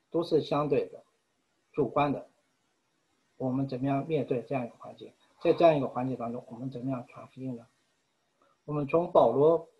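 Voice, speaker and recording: Male preacher, husky, earnest and measured sermon delivery, dull lo-fi recording. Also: medium pitch. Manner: earnest, measured, with frequent pauses.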